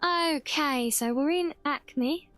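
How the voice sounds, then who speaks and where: A woman's voice: sits high, slow, fairly bright tone, soft background music. A woman giving casual, rambling game commentary, thinking aloud as a streamer.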